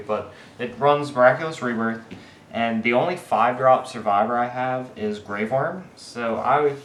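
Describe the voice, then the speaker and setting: A man casually walking through his card game deck, explaining his picks in a halting way full of fillers and restarts. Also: mid-range voice, fairly bright tone. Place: indoor room with friends nearby. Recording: echoey room with faint background hiss.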